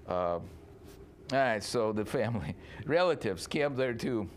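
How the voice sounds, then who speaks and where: A man's voice: medium pitch, lively intonation, a little slow, slight background noise. A man teaching a casual Bible study as pastor, chatty and laughing as he acts out scenes. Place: church classroom.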